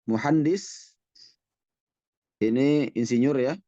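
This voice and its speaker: An Arabic teacher leads a grammar class from a mosque classroom with online students, speaking in a medium-pitched, mellow voice. His cadence is patient and drawn-out, with pauses and frequent fillers, and the sound is dry and slightly dull with almost no room echo.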